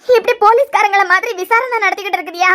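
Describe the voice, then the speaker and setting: A woman's voice: very high-pitched, fast, fairly bright tone, voice pushed up. A woman voicing a tearful, wronged young woman in a cartoon serial, with a Kanyakumari Tamil accent. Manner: tearful pleading.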